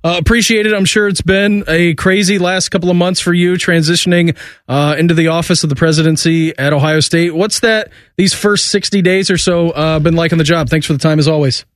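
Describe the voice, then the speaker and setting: A man's voice: a little high, steady tone, fairly quick, no echo. Dry-sounding man hosting casual sports radio.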